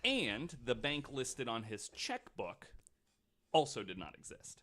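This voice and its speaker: This podcast host's mid-range voice has huge pitch swings and a sharp tone, and he talks slowly. He tells his story in a relaxed, conversational style, peppered with "likes" and now and then a mild curse.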